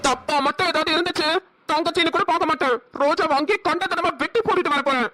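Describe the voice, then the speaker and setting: Cartoon: a flustered, explosive brother, Namakkal Tamil accent, high and bright. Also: female voice, fast talker, soft background music. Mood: furious. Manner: flustered, stammering then explosive. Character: anxious protective older brother, hot-tempered. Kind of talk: cartoon voice acting.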